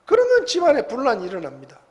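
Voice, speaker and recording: High-voiced preacher in a reverberant church. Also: male voice, fast, lo-fi sound. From South Korea. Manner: conversational preaching with lively swings in loudness. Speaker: pastor. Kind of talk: sermon. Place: church sanctuary. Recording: long hall reverb.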